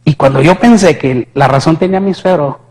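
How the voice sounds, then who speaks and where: Delivering his testimony as a sermon, a man preaches with passion, swinging between hushed tones and shouting while questioning the congregation. His pitch is fairly high, his pace a little fast, and his voice carries a breathy edge.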